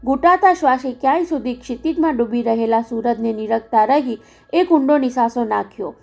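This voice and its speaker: High-voiced woman narrating an audiobook. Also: brisk, gravelly, warm tone. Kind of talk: scripted narration.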